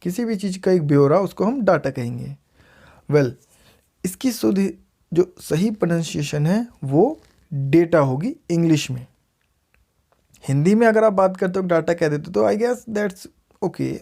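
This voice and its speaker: A man with an Indian English accent, a teacher, gives a casual video lesson in pronunciation and says each word slowly and clearly more than once. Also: high voice, animated, mellow. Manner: repeats words slowly and clearly for learners.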